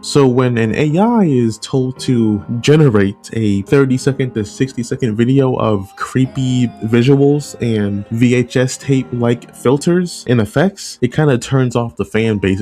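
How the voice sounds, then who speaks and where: A man with a lowish, darkish voice hosts a video essay, offering casual opinion commentary in a conversational way and often rephrasing his points. Background music plays underneath.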